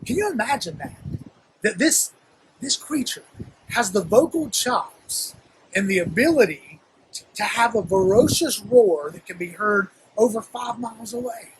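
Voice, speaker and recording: A man's voice: high voice, expressive, a little slow, slight background noise, poor audio. A man with a Southern accent giving an earnest, reflective sermon as a guest minister, speaking to a camera. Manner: earnest, reflective, building to emphatic calls.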